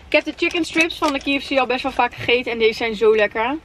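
High-pitched young Dutch woman chatting while chewing. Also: quick pace. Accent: Netherlands Dutch. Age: 20s. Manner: chewing while talking, eating as she chats; excitable, exclamatory, English slang mixed in. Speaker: vlogger. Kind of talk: casual food vlog chat. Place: inside a parked car at night. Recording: faint background noise in car.

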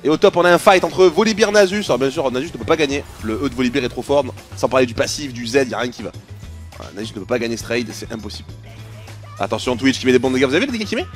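A young man commentating a video game replay as a streamer, fast and slangy, dropping to mutters and then bursting into shouts. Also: medium pitch, animated, soft background music.

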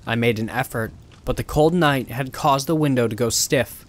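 A man reading a first-person horror story in a steady, measured way. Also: medium pitch.

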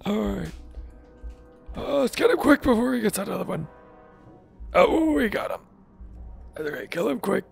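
A man voicing a crude, combative old madman adventurer in a gravelly, raspy voice, muttering and rambling in a game role-play. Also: sits high, very animated, moderate pace, long pauses, soft background music, exaggerated voice.

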